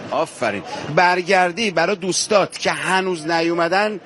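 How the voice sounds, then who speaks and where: A male field reporter with a slightly raised pitch speaks with fervent emphasis, turning from the camera audience to the families he meets. He stays outdoors among walking pilgrims, and his delivery is firm and heartfelt. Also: background noise. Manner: fervent, emphatic, addresses viewers directly. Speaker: on-location reporter. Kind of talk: street interview on a pilgrimage walk.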